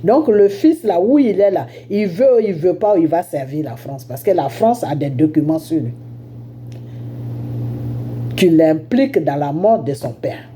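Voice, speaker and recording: A woman with an Ivorian accent and a head cold delivers an informal political monologue as an online political commentator. Her voice sits on the low side and is mellow yet animated, moving at a measured pace. She tells it like a storyteller, dropping in rhetorical questions and check-ins, with slight background noise behind her.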